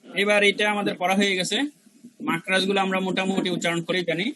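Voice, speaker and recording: High, bright-voiced man teaching recitation. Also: flat delivery, a little hiss or hum, rough recording. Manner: demonstrates syllables by repeating them slowly; colloquial, mixes in English words. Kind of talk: online review class teaching Arabic letter pronunciation.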